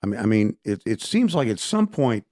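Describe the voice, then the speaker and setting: Male co-host, low register, dry close mic, loose rambling delivery. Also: very animated, normal speed, a little mellow, dry recording. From Texas. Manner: rambling, restarts often. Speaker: podcast co-host. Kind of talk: casual conversation.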